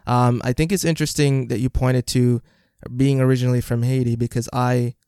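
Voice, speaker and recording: A man from Jamaica speaking calmly and evenly about his own experiences in a panel discussion. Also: mid-range voice, brisk, clear, resonant tone, no echo, studio quality.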